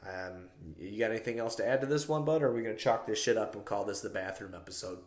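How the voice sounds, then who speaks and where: A man's voice: lowish voice, fast. A man hosting a sports podcast in casual, rambling, profane chat, tired after drinking, recorded in a bathroom with heavy echo. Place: small tiled bathroom.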